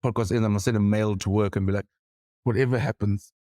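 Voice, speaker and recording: A man with a South African accent, co-hosting a rugby podcast, gushing excitedly with many stumbling restarts. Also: lowish voice, rapid-fire, no echo, clean studio sound. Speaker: podcast co-host. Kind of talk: casual chat.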